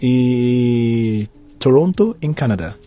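A man from Nigeria with a Nigerian accent, a podcast guest telling stories in a lively way, laughing and restarting often. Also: medium pitch, slow, soft background music. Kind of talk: casual storytelling. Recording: dull lo-fi podcast recording.

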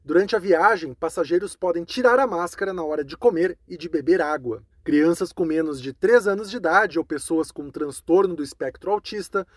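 A Brazilian man with a fairly high voice presents scripted news. His delivery is clear and conversational, and the sound is dry, with no room echo. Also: moderate pace, hardly any pauses. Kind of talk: scripted news roundup narration.

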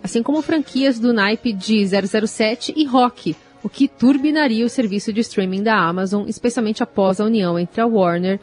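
A woman with a Brazilian accent anchoring radio news, reading clearly and steadily. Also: fairly high pitch, normal speed, few pauses, faint music behind. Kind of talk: scripted radio news presenting.

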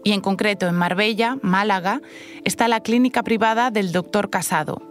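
A woman's voice: mid-range voice, moderate pace, soft background music. Woman narrating a news report.

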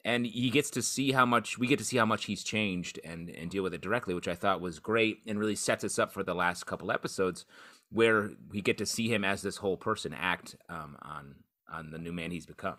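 A man co-hosting a podcast, chatting casually with halting phrasing. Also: deep voice, sharp tone. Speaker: podcast co-host.

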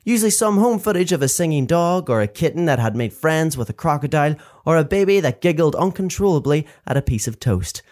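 A man reading his own book aloud in lively, animated storytelling. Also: fairly high pitch, fairly quick, hardly any pauses. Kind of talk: expressive audiobook narration.

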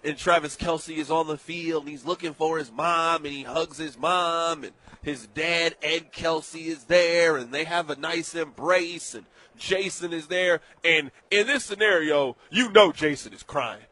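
A man's voice: a little high, unhurried, hardly any pauses, pushed and bright. A young man hosting a sports betting talk show, emphatic and playful as he riffs on hypothetical scenarios.

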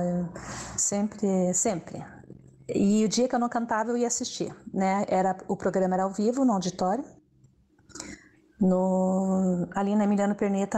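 A middle-aged woman, a former stage assistant and singer, reminisces warmly in what sounds like a recorded interview clip. Her medium-pitched voice has a dark, mellow tone, and she often tacks little "né" tags onto her memories.

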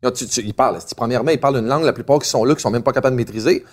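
A man's voice: medium pitch, very fast. A man, ranting and swearing freely in a casual chat.

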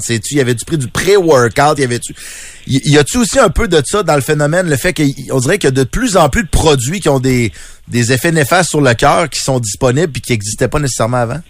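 A Québécois man co-hosts a radio show, talking quickly in a dry, close studio sound. His questions come in brisk, casual bursts. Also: mid-range voice, no room sound. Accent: Québécois French. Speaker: radio co-host. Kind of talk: radio interview.

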